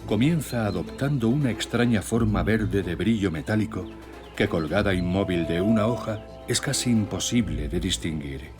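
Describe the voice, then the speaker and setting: A man narrating a scripted nature documentary in a measured, solemn storytelling way. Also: on the low side. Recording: music bed with nature sounds. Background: music, birdsong and nature sounds.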